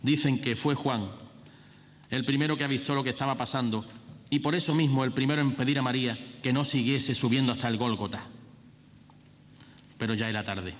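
A man's voice: mid-range voice, a little fast, pauses often. A middle-aged man declaims religious verse as a festival orator, solemn and theatrical, like a proclaiming herald. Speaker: festival orator giving a Holy Week proclamation. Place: large theatre stage. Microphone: lectern microphone. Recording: echoey theatre hall, noticeable hiss.

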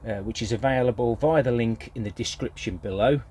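Fairly quick in pace, this older British man speaks in a mid-range voice that is a little mellow and slightly rough. The grandfather, a gardening vlogger, gives a casual, unscripted review of a product in a hesitant, rambling way.

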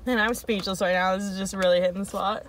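A woman's voice: medium pitch, fairly even intonation, fast talker, slight background noise. Chatty young woman eating on camera. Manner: chatty, talks while eating. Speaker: YouTuber host. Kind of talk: casual mukbang chat. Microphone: phone camera.

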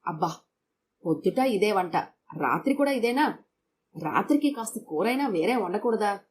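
A woman's voice: mid-range voice, animated, moderate pace, slight background noise, natural voice. A woman reading a bitter complaining husband. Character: regretful complaining husband, man.

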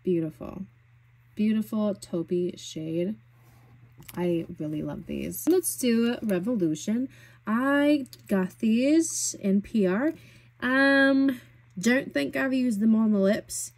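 A young woman vlogging about beauty products in a casual, gushing, chatty way, full of fillers and excitement. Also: fairly high pitch, slow pace. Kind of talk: casual product swatching chat.

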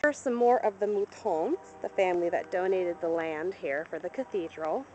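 A travel vlogger with a warm, lowish voice narrates a guided tour at normal speed while walking through a cemetery outdoors, pointing things out informatively. It's recorded on a handheld camera mic, with dull audio and slight background noise.

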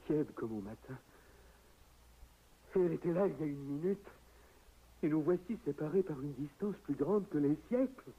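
An actor playing a grieving husband in a 1960s radio drama, swinging from hushed pleading to anguished cries. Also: male voice, on the high side, lively intonation, moderate pace, long pauses, breathy edge. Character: grieving husband Admette, desperate and self-reproaching. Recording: muffled old radio recording, faint hiss.

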